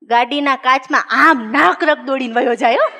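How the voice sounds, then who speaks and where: High-voiced woman comic on stage. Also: moderate pace, very noisy. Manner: animated, laughing, acting out other people's lines. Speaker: comedian. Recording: long hall reverb.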